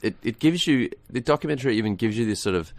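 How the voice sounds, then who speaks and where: A man's voice: mid-range voice, expressive, fast talker, no room sound. A middle-aged man, a radio guest, talking in a rambling, casual way with many restarts and frequent laughs, in a studio.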